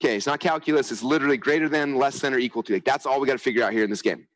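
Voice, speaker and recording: A man's voice: mid-range voice, very fast, rough recording. A man giving a live marketing talk at a conference, telling stories energetically, acting out quotes and often checking in with "okay?". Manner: energetic, animated storytelling, acts out quotes; repeats "okay?" to check with the audience. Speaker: conference speaker. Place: conference hall.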